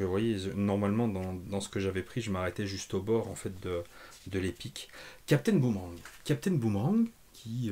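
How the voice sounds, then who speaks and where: A fairly low-pitched man talks casually as a channel host while unboxing comics. He is excitable, thinks out loud with frequent fillers, and sometimes drops to a hushed whisper when something impresses him. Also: slightly rough. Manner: enthusiastic, thinks aloud with many fillers.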